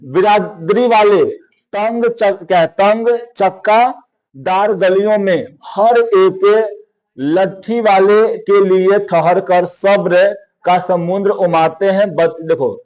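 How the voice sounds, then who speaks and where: High-pitched male teacher. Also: fairly even intonation, slow, a little mellow. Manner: conversational, repeats and rephrases often. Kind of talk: explaining a Hindi story to students.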